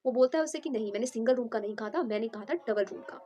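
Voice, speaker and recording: A woman tells a motivational story in a loose, conversational way, stumbling over words and restarting her sentences often. Her voice sits a little high, and she talks quickly. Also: dark tone, muffled recording. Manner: chatty, many fillers and restarts.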